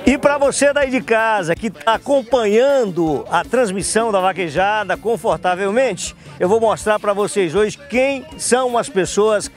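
A middle-aged man from TV, speaking in a Northeastern Brazilian accent. His voice sits high and he presents like a hyped rodeo announcer on a handheld mic outdoors, with light music underneath. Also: a little slow, few pauses. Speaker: TV show presenter and reporter. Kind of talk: on-location presenting and interviewing for a rodeo show. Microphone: handheld microphone. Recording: outdoor TV report with faint music bed.

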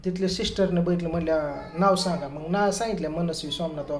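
A man's voice: on the high side, quick pace. A man telling a family story to the camera in a casual way, acting out what others said. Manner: lively retelling that acts out others' quoted words. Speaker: family vlogger. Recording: echoey room with faint ambient noise.

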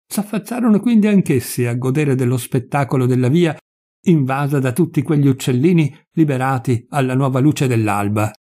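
A man narrating a literary short story in a measured, expressive way. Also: mid-range voice. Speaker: audiobook reader.

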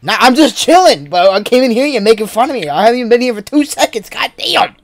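Animated, indignant young man. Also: extremely high pitch, fast talker, a crowd in the background. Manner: comically indignant, slangy. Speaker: streamer playing social VR. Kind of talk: casual banter with strangers in a VR game.

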